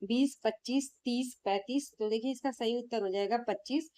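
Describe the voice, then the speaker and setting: A woman's voice: on the high side, moderate pace, dark tone. A woman teacher, going through exam questions in a lesson and answering her own questions.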